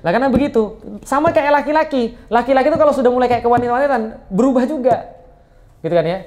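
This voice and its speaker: A man's voice: very high voice, fast, a little mellow. A male Islamic preacher giving a casual, joking study lecture, often adding tag questions.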